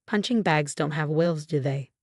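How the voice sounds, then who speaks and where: A woman's voice: low voice, normal speed, dry recording, clean studio sound. A woman reading the lines of a cruel, dismissive husband who scolds his wife.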